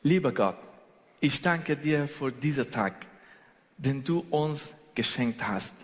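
A guest preacher from Afghanistan takes it slowly, his mid-range voice expressive as he preaches and recounts personal testimony. A native Persian speaker with an Afghan accent, he stops after short passages for an interpreter. Long reverb rings through the large church hall.

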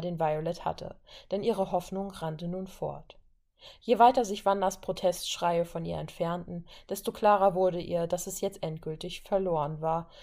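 A woman narrating a fan fiction audiobook in a steady reading voice. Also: on the low side, vocal fry.

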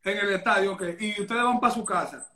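A man's voice: sits high, fairly even intonation, brisk, a crowd in the background. A man hosting a casual live chat, cutting in often to question his guest. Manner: keeps interrupting to question the guest. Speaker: host.

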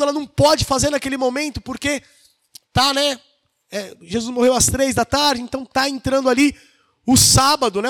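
A man's voice: very high voice, a bit bright, no echo, clean studio sound. A man preaching an informal sermon, retelling a scripture story in slangy, dramatic style.

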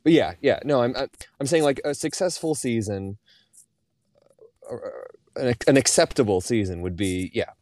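A man's voice: medium pitch, normal speed, darkish tone, dry recording, studio quality. A man co-hosting a casual soccer podcast, rambling with lots of restarts and filler words. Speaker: podcast co-host.

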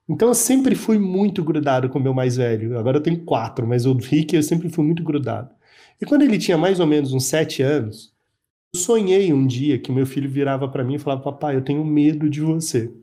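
Mellow-voiced man telling a personal story. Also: a little high. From Brazil. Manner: emotional, reflective, halting restarts. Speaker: panel guest.

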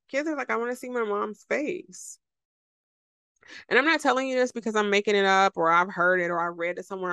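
A woman's voice: fairly low pitch, fairly bright tone, no room sound. A woman hosting a podcast, giving an emphatic, preachy motivational talk straight to her listeners, repeating phrases for effect and laughing often. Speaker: podcast host.

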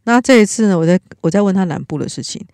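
A podcast host speaks in a relaxed, reflective chat, with a gravelly creak in the voice. Thoughts come out rambling and earnest, full of restarts. The sound is dry and close, with no room around it. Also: mid-range voice, fast talker, dry recording.

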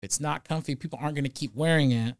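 A man hosting a podcast, agreeing often and chiming in with his own experiences, animated when an idea clicks. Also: a little high, very fast. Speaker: podcast host. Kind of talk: casual interview conversation.

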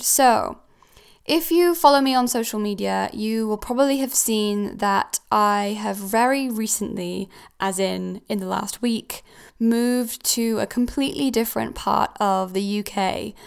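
A young woman raised in Switzerland talks through a relaxed solo podcast episode at home. Her voice is smooth and clear with a steady rasp of fry at the ends of phrases. She rambles comfortably, dropping ums and correcting herself mid-sentence. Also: mid-range voice. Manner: chatty, with frequent ums and self-corrections. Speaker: podcast host. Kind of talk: casual solo podcast talk. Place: new house.

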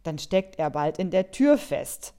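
A woman's voice: deep voice, sing-song, measured pace, dark tone. A woman reading as an earnest little pony girl. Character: curious, pony-loving young girl.

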